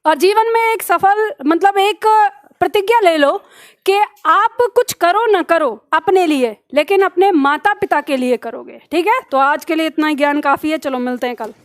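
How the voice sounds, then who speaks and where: A woman's voice: very high-pitched, normal speed, no echo, clean studio sound. A woman teacher giving an earnest motivational talk to her students, now and then acting out a scolding inner voice.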